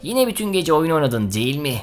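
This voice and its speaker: A man voicing a mother who speaks in a flat, curt way. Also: fairly high pitch, a little fast, soft background music. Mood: scolding. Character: mother, cold then scolding.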